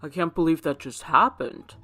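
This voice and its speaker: A woman's voice: deep voice, normal speed, fairly bright tone, soft background music, voice pushed down. A woman voicing an impatient older brother, blunt and grudging. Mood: grumpy. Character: grumpy older brother, preteen boy.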